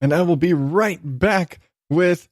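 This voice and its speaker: Speaking slowly in a fairly high voice, a man hosts his own solo podcast. His style is casual and informal, rambling, self-deprecating and full of swearing.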